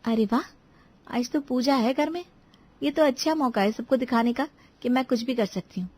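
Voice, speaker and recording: A woman voicing a well-meaning but clumsy young daughter-in-law in a cartoon, soft and apologetic. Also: on the high side, normal speed, lightly acted. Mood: eager. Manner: pleading and apologetic. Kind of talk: cartoon voice acting.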